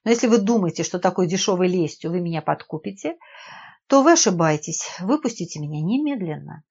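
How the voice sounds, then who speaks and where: A woman voicing a feisty middle-aged housewife turned amateur sleuth who speaks in an indignant, sharp-tongued way, in an audiobook. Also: fairly low pitch, expressive, brisk, vocal fry, slightly rough, heavily acted. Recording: dull lo-fi audiobook recording.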